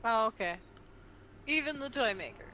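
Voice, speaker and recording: A woman playing a tabletop game, chatty and animated, asking about rolls and spells. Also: fairly high pitch, moderate pace, slight background noise, low-quality recording. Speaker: player. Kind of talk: casual tabletop play.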